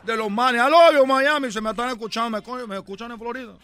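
Male host doing a rambling, bragging Cuban ballplayer type for radio comedy, high bright voice, faint music under it. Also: quick pace. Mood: defensive. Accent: Cuban Spanish put-on. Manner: boastful, rambling, calls everyone "chico". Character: boastful Cuban baseball fan character, adult man.

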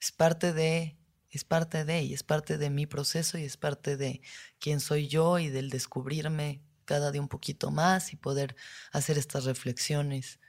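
Low-voiced Mexican woman, candid and reflective. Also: flat delivery, unhurried, a little mellow. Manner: candid, casual, with frequent slang and swearing. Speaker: podcast host. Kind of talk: personal reflective monologue.

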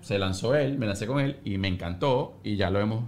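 A man, a podcast guest and father, telling an animated story and acting out what others said. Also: on the low side, fairly quick, a little hiss or hum. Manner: animated, acts out quotes, swears on it. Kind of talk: casual storytelling.

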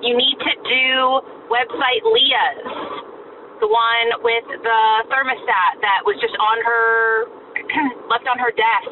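A woman's voice: a little high, narrow, tinny audio. A woman caller leaving a casual voicemail for a show. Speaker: listener calling in to a show. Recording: distant, noisy phone in vehicle.

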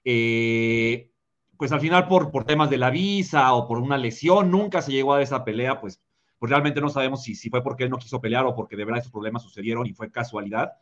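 Male panelist, mid pitch, measured delivery, dull lo-fi sound. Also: a bit bright. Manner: measured, filler-heavy. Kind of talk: casual panel commentary. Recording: dull lo-fi audio.

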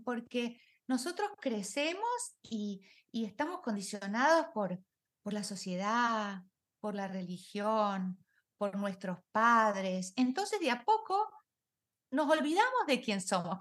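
A middle-aged woman, a life coach talking in an interview, reflective, with many rhetorical questions and English words mixed in. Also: on the high side. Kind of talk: conversational interview.

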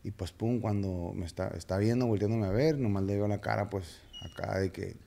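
A man with a Mexican accent, a podcast guest telling his story in casual slang with halting fillers. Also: lowish voice, vocal fry, warm tone.

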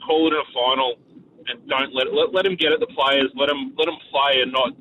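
An Australian man phoning a sports talkback show, speaking casually in a halting, laconic way. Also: mid-range voice, fairly even intonation, far from the mic. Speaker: radio talkback caller. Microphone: phone. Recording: tinny, noisy phone line.

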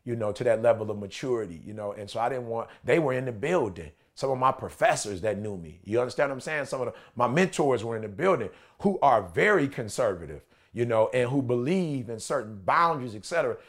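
A man's voice: mid-range voice, lively intonation, fast, hardly any pauses. An American man in his forties telling personal stories in a casual chat, with an emphatic, slangy, repetitive delivery of a preacher and motivational speaker. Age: 40s. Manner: emphatic, repetitive, slangy, often checking the listener follows. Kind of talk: animated personal storytelling in a casual podcast chat.

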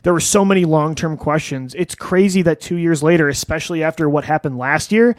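A man's voice: a little high, fairly quick, no echo. A man hosting a sports podcast, talking in an incredulous, conversational way. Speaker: podcast host. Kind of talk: casual sports chat.

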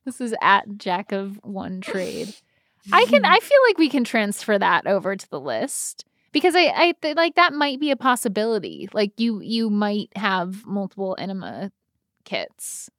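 Woman podcast co-host, animated and laughing, bouncy voice, dry close sound. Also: medium pitch, normal speed, no room sound. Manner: animated, reads list items aloud, laughs often. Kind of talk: casual comedic chat.

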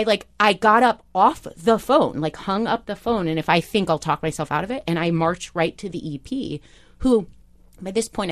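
A woman chatting casually, telling a lively story and acting out the voices of the people in it. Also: lowish voice, no echo. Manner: animated storytelling, acts out quoted voices. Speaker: TV show staffer turned on-air talent. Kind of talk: casual chat.

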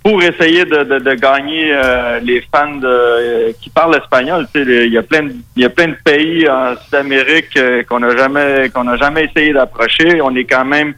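Québécois guy chatting on the radio, bright sharp voice, lots of restarts and fillers. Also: mid-range voice, moderate pace, hardly any pauses. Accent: Québécois French. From Quebec, Canada. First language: Spanish. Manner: rambling, many restarts and fillers. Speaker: metal band musician, interview guest. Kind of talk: casual interview talk. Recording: radio broadcast.

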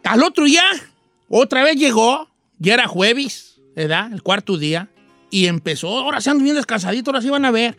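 A man's voice: very high voice, expressive, a little fast, a bit bright, no room sound, faint music behind, heavily acted. A man with a Mexican accent playing a folksy old rancher who hosts a radio show and tells a rambling, slangy joke, acting out voices and axe sounds. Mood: playful.

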